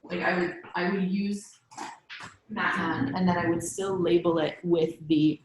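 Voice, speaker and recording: A woman who trains staff in child therapy leads a session in a lowish, steady, unhurried voice. She's chatty and explanatory, checking in with listeners often; the room echoes, faint music plays, and there's slight background noise.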